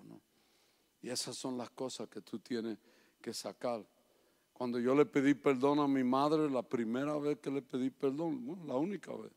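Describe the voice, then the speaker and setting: A man preaching a sermon, moving between quiet personal stories and loud, impassioned appeals. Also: medium pitch, clean tone. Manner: swings from soft storytelling to loud impassioned preaching.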